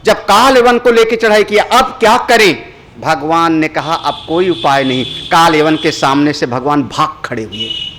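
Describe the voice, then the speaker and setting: A man, a spiritual teacher, giving a religious discourse with animated storytelling. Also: on the high side, unhurried, slight background noise. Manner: animated storytelling, rising loud for dramatic moments.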